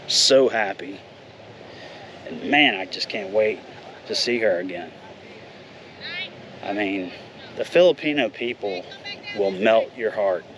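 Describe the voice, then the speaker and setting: This American vlogger in his fifties has a fairly low voice, and there's noise in the background. His casual talk wanders, stays candid and includes a bit of mild profanity.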